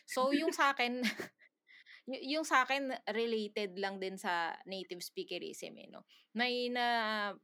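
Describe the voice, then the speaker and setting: A woman's voice: a little high, slow, long pauses, sharp tone. Blunt, sarcastic woman co-host. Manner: blunt, sarcastic, swears and laughs while ranting. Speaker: podcast co-host. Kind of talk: casual chat.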